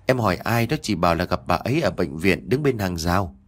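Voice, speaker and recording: A devoted, tearful young wife speaks in an audio story, as a male narrator voices her. She sounds anxious and pleading, in a low voice that moves widely in pitch. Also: lively intonation, fairly quick. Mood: tender.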